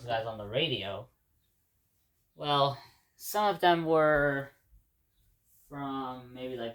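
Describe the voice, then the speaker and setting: In a loose, wandering video diary, an Ecuadorian vlogger who speaks Spanish natively walks his viewers through his day. His voice is a typical mid-pitch male voice with a fairly bright tone, and he often repeats words and starts sentences over.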